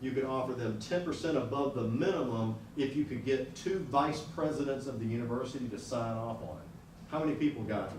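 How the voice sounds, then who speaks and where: A man's voice: medium pitch, brisk, a little mellow, a little hiss or hum. A man teaching a class on salary negotiation in a blunt, conversational way, often asking the students questions. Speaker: lecturer. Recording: echoey room audio recorded from a distance.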